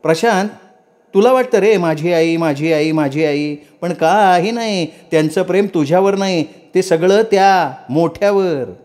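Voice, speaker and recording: A man voicing a quick-tempered young mother who talks in a sharp, sarcastic, raised voice. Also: high voice, voice pushed up. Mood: resentful.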